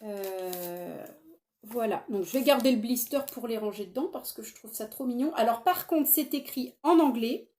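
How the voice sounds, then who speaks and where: A middle-aged woman who hosts a knitting podcast chats casually to camera, full of enthusiasm, with plenty of fillers and restarts. Her voice is a little high and warm, moving at a moderate pace.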